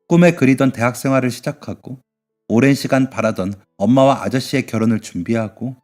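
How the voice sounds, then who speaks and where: Guy reading a story radio-style, steady mid voice, quiet music under it. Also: mid-range voice. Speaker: story narrator. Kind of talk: scripted first-person story narration. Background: faint music.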